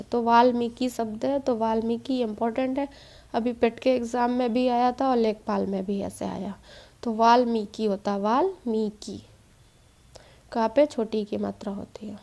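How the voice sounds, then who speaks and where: A woman with a fairly high but mellow voice works through a spelling quiz for exam students. She explains each answer in a steady, plain teaching tone, with English quiz terms dropped in. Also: moderate pace. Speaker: exam-prep Hindi teacher. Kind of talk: spelling quiz walkthrough lesson.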